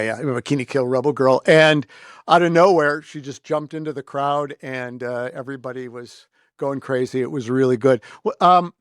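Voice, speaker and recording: A man hosts a podcast in a casual, conversational way, mixing interview chat with some scripted appeals. His voice is mid-range. The recording is dry and studio quality.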